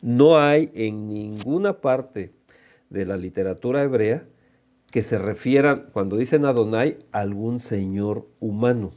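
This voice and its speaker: A Mexican man preaches at a slow, deliberate pace, with a low, mellow voice. He reads scripture aloud and keeps asking his listeners questions. The recording sounds dull and lo-fi. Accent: Mexican Spanish. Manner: unhurried teaching, addresses listeners as little brothers. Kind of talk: sermon.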